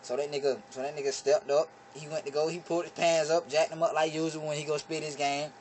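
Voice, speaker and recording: A teenage boy hosting his own comedy video, telling a story in an excitable, animated way, his voice jumping high when he acts out what people said. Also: quick pace, a little hiss or hum. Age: teens. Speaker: vlog comedy host.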